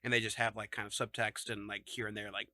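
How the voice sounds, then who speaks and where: A man's voice: fairly low pitch, little pitch movement, fast, sharp tone, no echo. A man co-hosting a casual podcast, rambling with lots of fillers and laughing often. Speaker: podcast co-host. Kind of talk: casual chat.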